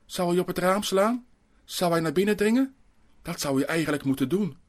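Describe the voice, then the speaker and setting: A man narrating a children's story aloud, reading with suspense and dramatic pauses. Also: high-pitched, lively intonation.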